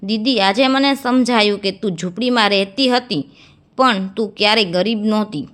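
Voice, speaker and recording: A woman's voice: mid-range voice, normal speed, fairly bright tone, natural voice. A woman reading the lines of a remorseful, once-rich younger sister who speaks in a pleading, apologetic way in a narrated storybook tale. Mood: earnest.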